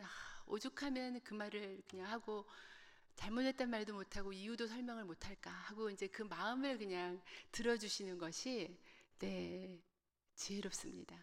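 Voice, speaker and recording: A woman from Korea with a Gyeongsang accent speaks to a church group in a lively, humorous way. Her voice sits at a middle pitch, and she often turns to the audience directly. The long reverb of a church hall trails after her words. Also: creaky. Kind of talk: sermon-style talk to a church group. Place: church sanctuary.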